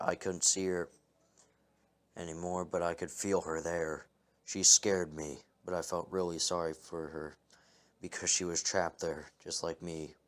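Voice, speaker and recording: A man reading first-person scary stories aloud as a narrator, in a calm, measured way. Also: deep voice. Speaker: story narrator. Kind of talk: scripted horror story reading.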